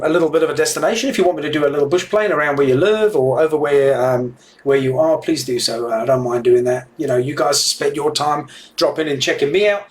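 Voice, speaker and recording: A man chatting casually and informally as he streams a flight simulator to viewers. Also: medium pitch. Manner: matey, informal. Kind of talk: casual livestream chat.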